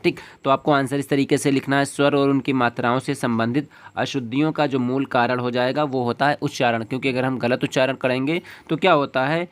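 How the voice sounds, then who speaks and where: A man teaching an exam-prep lesson in a step-by-step way, checking in with a short "okay" after each point. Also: medium pitch.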